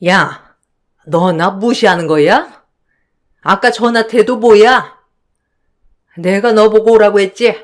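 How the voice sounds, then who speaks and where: A woman's voice: on the high side, measured pace, long pauses, natural voice. A woman voicing an older mother-in-law who scolds and rants, in a radio drama. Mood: ranting. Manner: scolding, shouting, self-pitying sighs.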